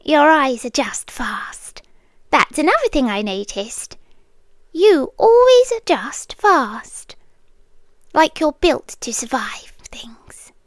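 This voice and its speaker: In an intimate ASMR roleplay, a British woman plays a young, obsessive yandere girl who is lovestruck and sweetly unsettling, speaking softly and hesitantly before drifting into whispers. Her high voice swings widely in pitch at a slow pace, and the performance is heavily acted. The mood is hushed and eerily fascinated, captured dry on a close microphone.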